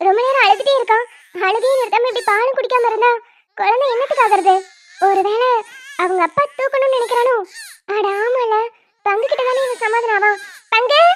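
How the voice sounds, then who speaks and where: A woman's voice: very high voice, fairly bright tone, slight background noise. A woman voicing a young doting aunt who coaxes a crying baby in sing-song baby talk. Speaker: cartoon voice actor. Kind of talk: homemade cartoon dubbing.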